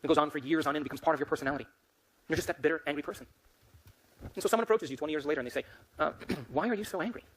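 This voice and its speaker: Rapid-fire male lecturer. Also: on the high side, fairly bright tone, a little hiss or hum, rough recording. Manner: rapid, emphatic, quizzes the audience with questions. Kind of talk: motivational lecture to a live audience.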